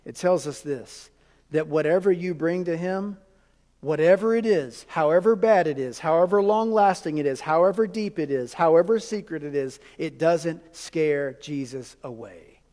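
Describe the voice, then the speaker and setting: A man delivers a sermon in a high, ringing voice that carries a long hall echo. He preaches with animated emphasis, then drops to hushed, near-whispered lines. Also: moderate pace. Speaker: pastor.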